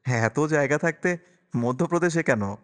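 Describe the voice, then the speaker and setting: A man voicing a polite young female schoolteacher who asks gently probing questions. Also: fairly high pitch, normal speed, natural voice. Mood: curious. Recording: long reverberant echo.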